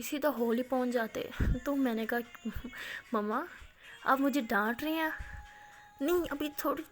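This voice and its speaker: Chatty young woman telling a story. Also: a little high. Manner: chatty, laughs often, mixes English words. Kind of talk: first-person storytelling.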